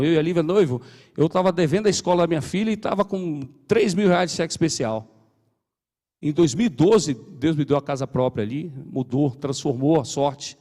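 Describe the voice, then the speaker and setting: A middle-aged man with a Brazilian Portuguese accent, his voice sitting a little high, tells his personal testimony in earnest. He reads scripture slowly and acts out his own prayers. A long reverb trails his words through a church hall. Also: a little mellow.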